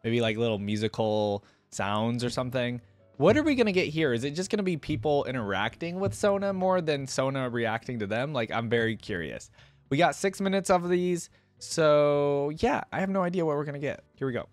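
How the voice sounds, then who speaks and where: A man in his twenties hosts a reaction video, casually commenting on game voice lines, thinking aloud and putting questions to viewers. His mid-range voice swings widely in pitch and runs a little fast. He's close on a desk microphone at his home setup, with no echo and faint music behind him.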